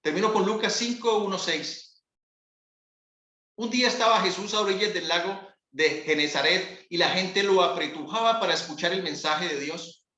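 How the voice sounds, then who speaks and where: A man preaching a sermon as pastor, slow and solemn with long pauses. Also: high-pitched, pushed and bright, echoey room. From Colombia.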